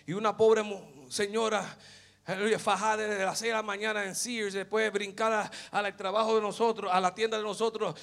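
A young man preaching a fervent sermon, shouting praise with repeated hallelujahs, then dropping to a hushed storytelling voice. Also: high-pitched, creaky. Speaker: pastor.

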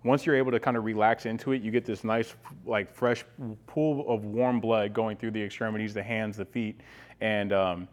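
A man's voice: fairly low pitch, fairly even intonation, normal speed. A young man speaking as a guest coach, explaining things casually and with enthusiasm. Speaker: guest, ice bath workshop coach. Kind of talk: casual explanatory interview talk.

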